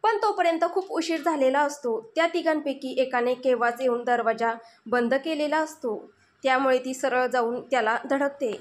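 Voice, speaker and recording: A woman storyteller giving steady, dramatic scripted narration of a tale. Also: high-pitched, moderate pace.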